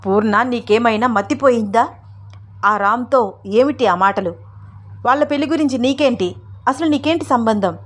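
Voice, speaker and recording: A woman's voice: fairly high pitch, normal speed, pauses often, close to an everyday voice. An older husband who presses his wife with urgent questions, as voiced by a woman narrator. His voice is raised and agitated. This is a storybook reading.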